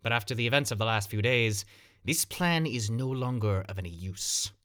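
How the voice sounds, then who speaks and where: A man's voice: medium pitch, lively intonation, moderate pace, fairly bright tone, faint music behind, lightly acted. A man voicing a cold male dictator who speaks firmly and makes clipped demands.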